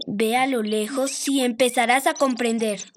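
A woman's voice: a little high, fairly even intonation, measured pace, lightly acted. A woman voicing a knowing female alien guide who explains patiently and with assurance in a radio drama. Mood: patient, assured. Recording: noisy recording.

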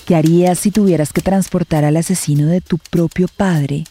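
A woman's voice: lowish voice, fairly even intonation, normal speed, mellow, faint music behind. A woman reading a scripted podcast promo as announcer.

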